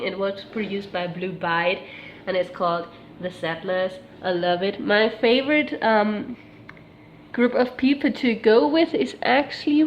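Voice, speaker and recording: A woman whose first language is German rambles through a casual home vlog, chatty and breaking off mid-thought. Her voice sits at an ordinary middle pitch. The room is echoey, with faint background noise. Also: muffled recording. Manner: chatty, rambling, self-interrupting. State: sick. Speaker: vlogger.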